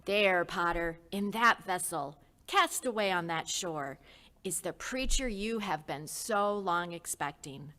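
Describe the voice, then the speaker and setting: A woman voicing an earnest, devout older man who pleads slowly and insistently, like a preacher, in a dramatized history story. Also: on the low side, expressive, sharp tone, full character voice. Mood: awed. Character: fervent devout older male host, insistent. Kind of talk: storytelling reenactment.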